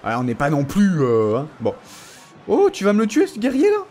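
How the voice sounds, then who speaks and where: A young man, a gaming YouTuber, casually narrates his own gameplay, joking and teasing both the viewer and his opponent. His slightly high, darkish voice moves briskly with huge pitch swings, over faint background noise.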